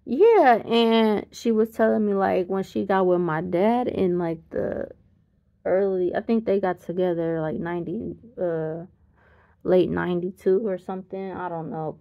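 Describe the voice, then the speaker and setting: A woman in her thirties with a gravelly, slightly low voice tells a family story in a loose, rambling way. She sounds tired, and she keeps backtracking to correct herself with small chuckles. The recording is a bit dull and lo-fi. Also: a little slow. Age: 30s. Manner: rambling, self-correcting, chuckles mid-sentence. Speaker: vlogger. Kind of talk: casual storytelling.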